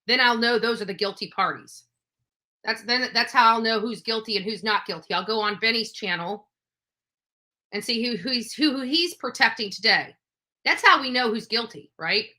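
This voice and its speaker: A slightly high-pitched woman talks at a moderate pace in a sharp tone while commenting on true crime cases during a livestream. Her unscripted take is opinionated, emphatic, and accusatory, with phrases repeated for force.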